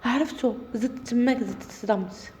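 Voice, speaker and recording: Speaking at a rapid, suspenseful clip, a woman with a Moroccan Arabic accent tells a first-person horror story. Her voice is high but soft and mellow rather than bright, and there's a little hiss or hum in the recording.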